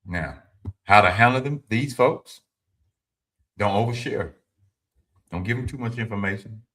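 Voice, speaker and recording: Unhurried and fairly low-pitched, this man in his fifties hosts a livestream, delivering preachy, informal advice as motivation to a live audience. He answers the chat and goes over his points repeatedly, with a fairly bright tone.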